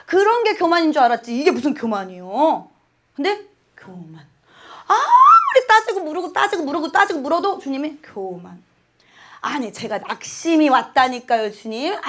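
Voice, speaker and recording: Woman with a high voice for a sermon testimony, animated and emotional, voices her own prayers aloud. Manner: laughs often while talking. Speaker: church speaker giving testimony.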